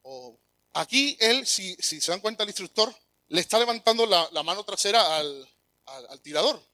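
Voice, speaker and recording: A man's voice: high voice, animated, moderate pace, bright, forceful tone, no echo. A man preaching a sermon in an earnest voice that turns emphatic when he quotes, reading aloud and then explaining. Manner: earnest, rises to emphatic bursts when quoting.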